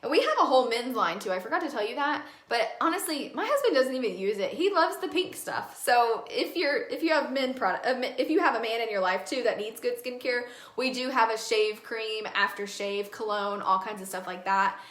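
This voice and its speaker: Chatty woman in her 20s doing a live skincare demo, bright voice, a bit high, roomy echo. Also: lively intonation, a little fast, few pauses. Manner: chatty and upbeat, with many fillers and asides to viewers. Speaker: beauty consultant hosting a live skincare demo. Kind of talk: casual live-stream product talk.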